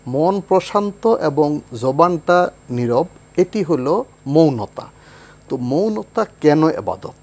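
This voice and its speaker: A male Islamic scholar, a guest on a television talk show, speaking in a somewhat high voice. He explains ideas thoughtfully and recites Arabic phrases with care. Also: sing-song, slow, a little mellow. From Bangladesh. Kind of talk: explanatory religious discussion.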